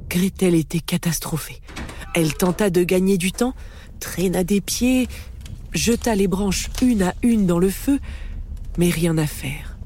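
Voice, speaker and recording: A woman narrating a fairy tale for a storybook recording with expressive, lively delivery. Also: on the low side, a little slow, slight background noise.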